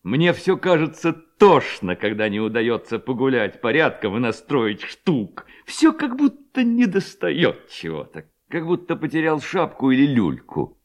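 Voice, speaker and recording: A man's voice: medium pitch, very animated, measured pace, few pauses. A man doing a rowdy young village ringleader. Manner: boisterous, rabble-rousing.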